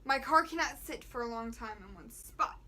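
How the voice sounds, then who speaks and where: A young American woman chatting casually as a vlogger, telling a story in an animated, slangy way and quoting the dialogue. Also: on the high side, moderate pace. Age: young adult. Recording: clear background noise.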